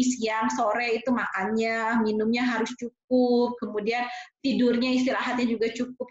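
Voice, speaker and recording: A high-pitched woman from Jakarta teaches nursing students in a relaxed, talkative way, speaking out loud and expressively with frequent fillers. Her voice bounces around a roomy space, and the recording sounds a little dull and lo-fi. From Jakarta, Indonesia. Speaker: nursing lecturer. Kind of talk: casual recorded lecture.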